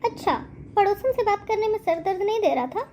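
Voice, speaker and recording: A woman's voice: extremely high pitch, fairly quick, darkish tone, a little hiss or hum, voice pushed up. A woman voicing a rude, lazy young daughter-in-law in a cartoon story, snapping dismissively. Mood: snappy.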